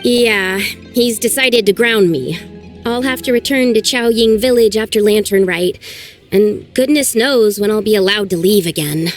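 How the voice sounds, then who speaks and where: A woman voices an anxious, earnest young archaeologist in a game, sighing over her problems. She speaks a little slowly at medium pitch, lightly acted, over soft background music.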